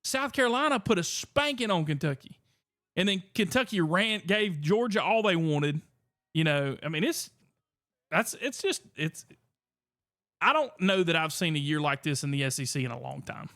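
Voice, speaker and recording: Upbeat male podcast host, high bright voice. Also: moderate pace. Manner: energetic, reads chat aloud. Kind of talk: casual livestream chat.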